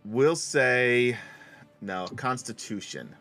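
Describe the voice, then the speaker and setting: A man's voice: mid-range voice, takes it slowly, bright, forceful tone, faint music behind. A man running a tabletop game as game master, narrating and making rulings in an informal, sweary way.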